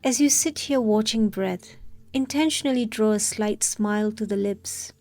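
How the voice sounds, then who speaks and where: A woman with a mid-range voice guides a scripted meditation, calm, soothing, and unhurried, leaving long pauses.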